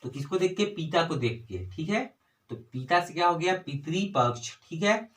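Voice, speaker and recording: A man's voice: a little high, expressive, normal speed, fairly bright tone. A man with a Chhattisgarhi Hindi accent teaching an exam-prep lesson, asking himself questions and answering them, with frequent "ठीक है" and "है ना" tags. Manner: repeats "ठीक है" and "है ना", asks and answers own questions. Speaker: exam tutor.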